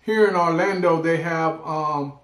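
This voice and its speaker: Slow-paced man chatting in an echoey room. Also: fairly high pitch, fairly even intonation, a bit bright. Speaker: food vlog host. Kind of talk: casual mukbang chat while eating. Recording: roomy, echoing indoor sound.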